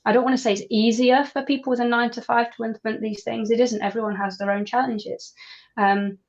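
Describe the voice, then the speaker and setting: A woman's voice: a little high, flat delivery, brisk, dull audio. A woman, a pilot and nutrition coach, talking enthusiastically as an interview guest with frequent restarts. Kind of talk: conversational interview.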